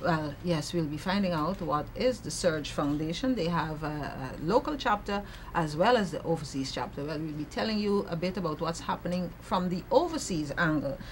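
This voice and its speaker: A woman hosting a morning television show, interviewing guests in a friendly, brisk way with frequent affirming murmurs. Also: low-pitched, lively intonation, a little hiss or hum.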